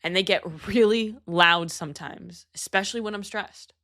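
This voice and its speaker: A woman's voice: mid-range voice, normal speed, pushed and bright. A young adult woman hosting a solo motivational podcast, talking emphatically and bluntly with casual swearing. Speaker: podcast host and fitness coach.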